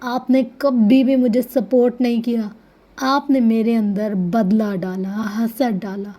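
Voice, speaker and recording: A woman voicing a bitter, vengeful young woman who shouts and then goes cold and clipped, in a storybook reading. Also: a little high, fairly even intonation, lightly acted. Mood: furious.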